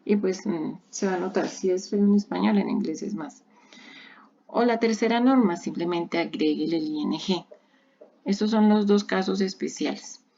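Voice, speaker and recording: A woman's voice: medium pitch, normal speed, creaky, dark tone. A woman, an English teacher giving a recorded online grammar lesson, explaining patiently step by step and repeating examples. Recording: dull lo-fi recording.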